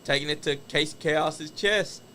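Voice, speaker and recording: On a relaxed wrestling talk show, the male host comments on old match footage, chatty and full of opinions, laughing at stories. His voice is fairly high, bright and forceful, a little slow, and the audio carries a slight hiss or hum.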